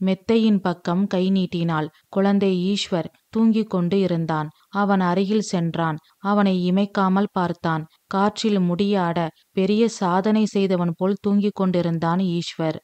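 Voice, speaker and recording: A woman storyteller reading a story aloud in steady, even audiobook narration. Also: mid-range voice, measured pace, no room sound, dull audio.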